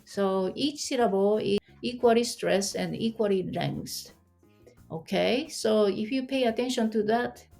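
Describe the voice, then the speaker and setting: A woman's voice: medium pitch, vocal fry, darkish tone. A woman teaching an online language lesson, explaining patiently and asking the listener questions.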